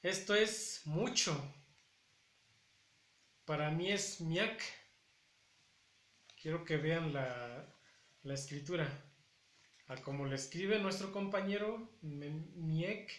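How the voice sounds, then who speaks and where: A man gives a language lesson, patiently repeating each word. His voice sits a little high and moves very slowly. The recording carries a noticeable room echo. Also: lively intonation, a bit bright. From Puebla, Mexico. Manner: patient, repeats words slowly to show pronunciation. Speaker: Nahuatl language teacher. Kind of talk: spoken language lesson to camera. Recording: echoey room.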